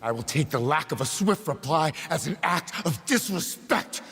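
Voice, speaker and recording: An actor playing a haughty, petulant emperor who delivers stiff, formal threats and then bursts into shouting, in film audio with long reverb and a score behind. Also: male voice, a little high, animated, moderate pace, soft background music.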